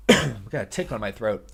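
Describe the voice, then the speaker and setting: With a voice on the low side, a young American man in his twenties runs a casual livestream, thinking out loud and fixing his own words. He's a little hoarse with a throat tickle, recording in a small home streaming room on a close headset and arm-mounted studio mic.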